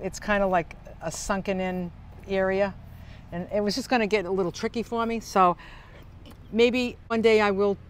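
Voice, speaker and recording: An older, senior woman with a medium-pitched voice gives a casual, chatty how-to tour as a vlogger, explaining while working with her hands. She stands outdoors at a camper van's open side door, recorded on a small clip-on lavalier mic with a little hiss or hum.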